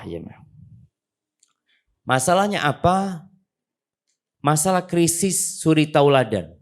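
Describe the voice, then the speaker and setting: Lively middle-aged male preacher. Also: a little high. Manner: animated, questions the audience, recites Arabic verses. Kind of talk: lively Islamic lecture.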